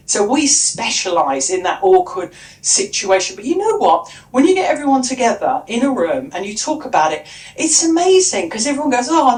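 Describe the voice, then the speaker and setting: A woman presents to a conference audience in a chatty, off-the-cuff way, restarting sentences and adding asides. Her voice sits at an ordinary pitch for a woman. The room around her is echoey. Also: darkish tone. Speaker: conference speaker and workshop trainer.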